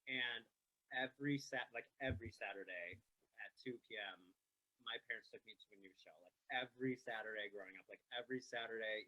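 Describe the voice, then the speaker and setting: A young man from Michigan chatting casually about touring theater, expressive and theatrical. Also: medium pitch, low-quality recording. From Michigan, USA. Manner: expressive, theatrical, quick to laugh. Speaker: touring Broadway performer. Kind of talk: casual chat.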